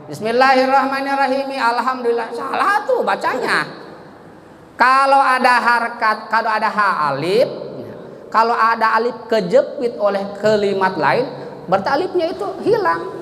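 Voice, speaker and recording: In a mosque hall with long, echoing reverb, a man teaches tajwid to a study circle, chanting Quran verses and then correcting them. His voice is very high, bright and forceful, very animated at a normal speed, with slight background noise.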